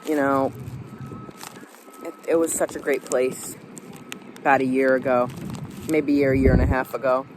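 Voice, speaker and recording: A man's voice: medium pitch, little pitch movement, moderate pace, pauses often, noisy background. An American man giving a casual opinion monologue as a vlogger, informal and repetitive, often saying "you know.". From United States.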